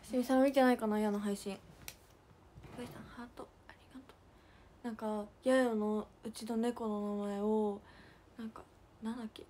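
A young woman with a hosting a casual livestream. She chats and giggles, reads out fan comments, and drops to soft near-whispers to thank viewers. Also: medium pitch, a little hiss or hum. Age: young adult. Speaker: idol livestream host.

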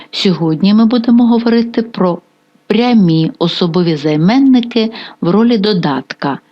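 A woman with a Ukrainian accent teaching a grammar lesson, dictating word by word with careful pauses. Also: on the low side, dark tone. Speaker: Italian language teacher. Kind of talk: slow, deliberate grammar lesson. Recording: dull lo-fi voice-over.

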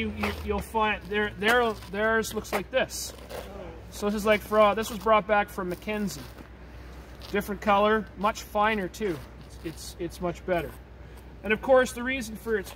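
High-voiced teacher, outdoor demo. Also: male voice, fairly bright tone. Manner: casual, checks in with "okay?", chatty asides. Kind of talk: hands-on outdoor survival demonstration. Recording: distant outdoor mic with traffic noise.

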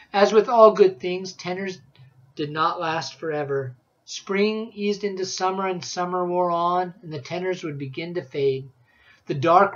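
A parent reads a humorous story aloud for their children, expressive and quick to act out the lines. The voice sits at a middle pitch. The recording is dull and lo-fi, made at home. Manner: expressive, acts out shouts and dialogue. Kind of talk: storybook reading.

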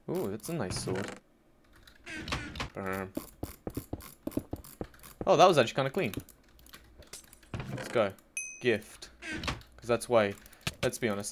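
Gaming YouTuber, male, lower register, dry self-mocking brag over gameplay, light clicking under the voice. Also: background noise. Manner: mock-boastful, joking, self-mocking. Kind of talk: sarcastic gameplay commentary. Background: faint keyboard and mouse clicks.

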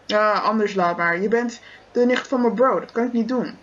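A woman voicing a clueless, laid-back teenage boy in a toy-figure film, with a husky voice. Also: mid-range voice, moderate pace, highs cut off, close to an everyday voice. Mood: oblivious. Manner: laid-back, oblivious, careless. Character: clueless teen boy who calls everyone bro.

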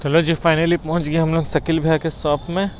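A man's voice: on the high side, moderate pace, low-quality recording. Chatty young man vlogging on city streets. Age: young adult. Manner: chatty, excitable, mixes English words. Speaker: motovlogger. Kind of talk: casual vlog commentary while riding. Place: city streets and roadside bike workshop, outdoors. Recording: faint street and traffic noise.

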